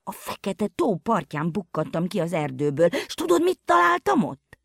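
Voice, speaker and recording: A woman's voice: fairly low pitch, big pitch swings, vocal fry, slightly rough, no room sound, clean studio sound, heavily acted. A woman voicing a frightened little girl who eagerly tells a story in a storybook reading.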